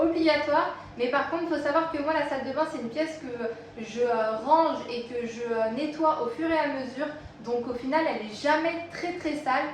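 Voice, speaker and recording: A woman with a slight slushy lisp, chatting casually as a vlogger in an echoey bathroom. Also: high voice. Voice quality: slight lisp from dental aligners. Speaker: home organisation vlogger. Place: small bathroom, indoors. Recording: echoey tiled bathroom, some background noise.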